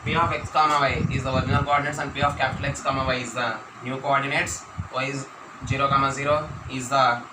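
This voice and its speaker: A man's voice: medium pitch, level tone, fast talker. A man with an Indian accent teaching mathematics as a classroom lecture, dictating key points and repeating phrases. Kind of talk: classroom lecture for exam students. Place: echoey room, teaching at a board. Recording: roomy, distant microphone, noisy background hum.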